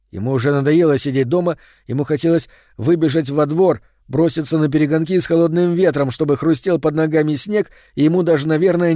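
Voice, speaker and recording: A man's voice: on the high side, mellow, dry recording. Man narrating an audiobook in a dry voice. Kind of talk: scripted narration.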